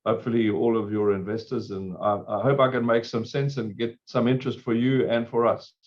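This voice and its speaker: Hoarse man explaining investing. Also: mid-range voice, steady tone, dull audio. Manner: measured, explanatory. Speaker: fund manager. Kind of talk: interview answers.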